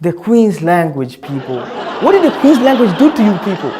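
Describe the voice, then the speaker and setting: Laughing Kenyan comedy host, lively pitch. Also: male voice, normal speed, noisy background. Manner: mocking, laughing, incredulous. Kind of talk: satirical commentary.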